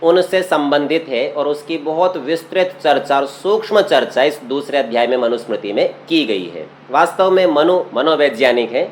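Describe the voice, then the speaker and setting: A man's voice: a little high, lively intonation, moderate pace, few pauses, a little hiss or hum. A man teaching a scripture study class, explaining verse by verse and often asking rhetorical questions. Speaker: religious teacher. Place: courtyard of a memorial hall.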